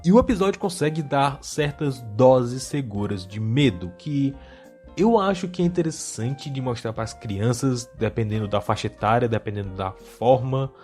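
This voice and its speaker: A man with a Brazilian accent speaks in a mid-range voice over soft background music. He delivers casual video-essay commentary and wanders into wry, joking asides. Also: medium pitch, expressive, moderate pace.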